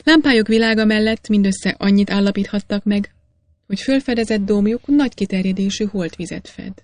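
A woman reading a classic adventure novel aloud in an even storytelling manner. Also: medium pitch, dry recording. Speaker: audiobook reader. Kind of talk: scripted narration.

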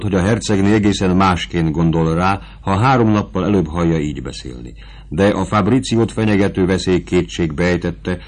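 A man narrating a classic novel as an audiobook, in a measured, expressive reading. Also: low voice.

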